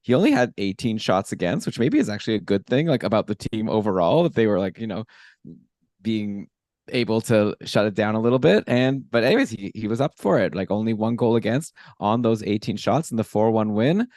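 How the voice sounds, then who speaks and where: A man's voice: fairly low pitch, expressive, brisk, darkish tone, no room sound, studio quality. A man co-hosting a fantasy hockey podcast in casual chat, talking loosely with asides and laughing at himself. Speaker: podcast co-host.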